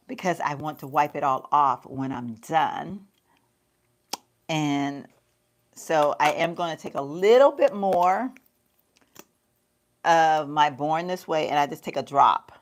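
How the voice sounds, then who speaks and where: Chatty woman doing a makeup chat. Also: deep voice. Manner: chatty, addresses viewers as y'all, laughs often. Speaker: beauty vlogger. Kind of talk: casual get-ready-with-me livestream chat. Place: home.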